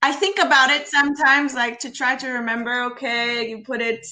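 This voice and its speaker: Female English tutor from Canada, high bright voice, unhurried, friendly questioner. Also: fairly even intonation. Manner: friendly, laughs easily, asks follow-up questions. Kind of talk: online tutoring conversation.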